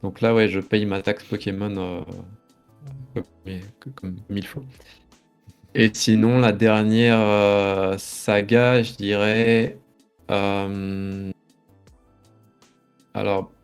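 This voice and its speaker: A man in his late thirties, originally from France, chats as an interview guest. His voice sits low, with a gravelly, fried texture. He rambles and hesitates as he reminisces. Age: 30s. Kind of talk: casual interview chat.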